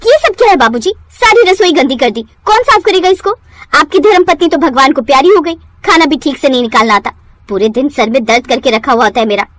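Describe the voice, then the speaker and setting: A woman voicing a sharp-tongued, scheming young daughter-in-law who scolds her old father-in-law in a storybook cartoon. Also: animated, brisk, few pauses, no room sound. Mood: scornful. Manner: shrill, scolding.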